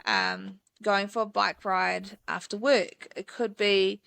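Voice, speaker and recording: Bright, chatty New woman. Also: medium pitch, steady tone, takes it slowly, gravelly, no echo. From New Zealand. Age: 30s. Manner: enthusiastic, chatty, many fillers. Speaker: mountain guide, podcast guest. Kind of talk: casual interview chat.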